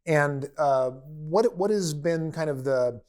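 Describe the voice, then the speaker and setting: A man's voice: a little high, slow, a little mellow. Friendly male podcast host asking questions. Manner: friendly, asks questions with many fillers and repeats. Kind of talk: conversational interview.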